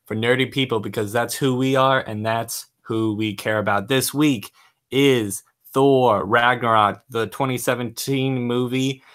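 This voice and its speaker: A man's voice: medium pitch, fairly bright tone. A young man hosting a casual movie podcast, upbeat and joking with his co-hosts. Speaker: podcast host.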